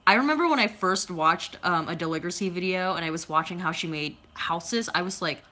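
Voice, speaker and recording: A woman's voice: lowish voice, a little fast, sharp tone. A woman in her twenties chatting at home on a livestream, reading comments in a rambling way, with lots of fillers and silly sound effects. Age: 20s. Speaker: YouTuber reading live chat. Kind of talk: casual livestream chat.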